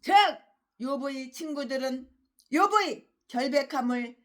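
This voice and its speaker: A woman pastor preaches with fervor, her voice high and bright. She rants and circles back, repeating words again and again to drive her point home. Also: measured pace. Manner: impassioned, ranting, repetitive. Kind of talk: expository sermon.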